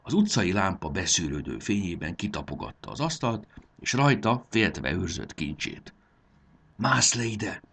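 A man narrating a children's storybook in a lively, expressive way with a husky voice. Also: sits low, a little hiss or hum.

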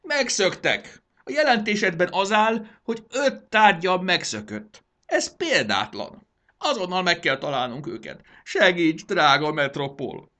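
A man's voice: mid-range voice, very animated, pushed and bright, pitched above the performer's own voice. A man reading a storybook aloud and voicing a hysterical, petulant male ruler who shrieks, sobs and whines. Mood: shrill distress. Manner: shrieking, sobbing, manic laughter.

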